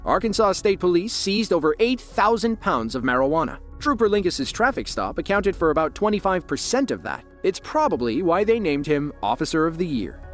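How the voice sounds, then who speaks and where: Man, American accent, scripted true-crime narration, slightly high pitch, expressive intonation. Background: faint music.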